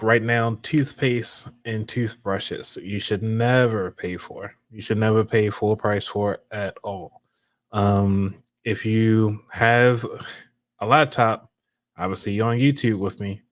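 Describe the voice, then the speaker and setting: A man's voice: fairly low pitch, no echo. A man hosting a casual podcast chat, joking around while giving practical money tips. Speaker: podcast host.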